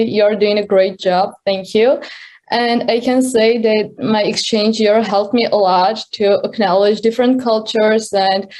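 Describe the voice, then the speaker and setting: A teenage girl with an Armenian accent, speaking earnestly and a little haltingly as a student award winner on a video call. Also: mid-range voice, a little mellow. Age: teens. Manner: earnest, halting, restarts words. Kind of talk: speaking at an online award ceremony.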